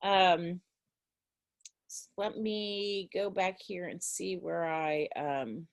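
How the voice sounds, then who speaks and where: A woman's voice: fairly low pitch, drawn-out words, gravelly. A woman teacher talking to her class over a video call in a casual, rambling way, with many restarts. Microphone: video call mic.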